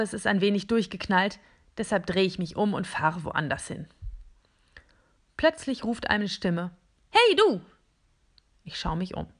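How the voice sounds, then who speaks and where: A woman narrating a first-person children's story in a calm, deliberate way. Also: mid-range voice.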